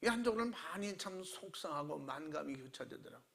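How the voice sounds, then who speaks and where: A man pastor preaching a sermon, animated and acting out quoted voices with shouts. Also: on the high side, a little fast, gravelly.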